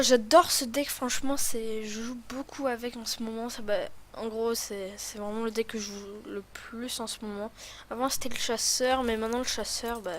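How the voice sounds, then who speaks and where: A woman with a lisp on her s sounds, rambling and thinking aloud in casual commentary as she hosts a gaming video. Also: fairly high pitch.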